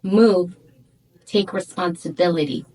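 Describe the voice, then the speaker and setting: A woman's voice: fairly low pitch, a little slow, dark tone, rough recording. A blunt, emphatic woman who owns a salon, speaking as a guest in a podcast interview and coaching the host.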